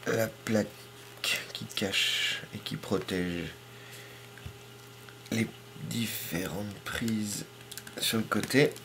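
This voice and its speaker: A man calmly talking through a hands-on tutorial in his home kitchen, step by step, sometimes murmuring to himself as he works. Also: on the low side, drawn-out words, creaky, pauses often, noisy background. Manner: calm, step-by-step, talks to himself while working, drops to murmurs. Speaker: hobbyist astrophotographer.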